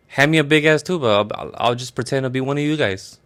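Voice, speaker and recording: A man's voice: mid-range voice, fast, fairly bright tone, voice pushed up, natural voice. A man voicing a clumsy, hopeful male friar wrestler who talks in a whiny, rambling, profane way. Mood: eager.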